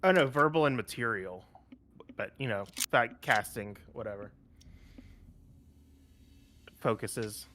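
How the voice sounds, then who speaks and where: Guy at the game table, bright sharp voice, chatty, corrects himself a lot, faint music. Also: mid-range voice, slight background noise. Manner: quick, self-correcting. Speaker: player. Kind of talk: casual tabletop game talk.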